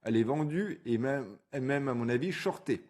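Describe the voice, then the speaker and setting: A man talks through a stock chart in a blunt, colloquial way, with a mid-pitched voice. He stumbles over his words now and then. It is a casual market commentary voice-over for his own channel. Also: expressive, normal speed, darkish tone.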